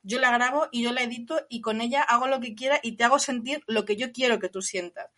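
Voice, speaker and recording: A woman discussing a film in casual conversation, animated and acting out quoted lines. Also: a little high, fast talker. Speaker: film podcast co-host.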